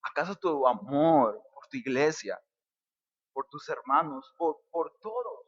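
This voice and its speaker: A man's voice: a little high, very animated, unhurried, husky, in a large hall, lo-fi sound. A male pastor preaching a fervent sermon, asking rhetorical questions and calling his listeners brother. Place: church.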